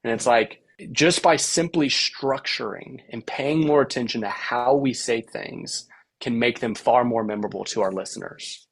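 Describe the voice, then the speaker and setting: Animated male pastor explaining. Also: medium pitch, moderate pace, husky. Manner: animated explainer, recites lines rhythmically. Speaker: pastor, guest. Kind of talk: teaching interview. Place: church lobby.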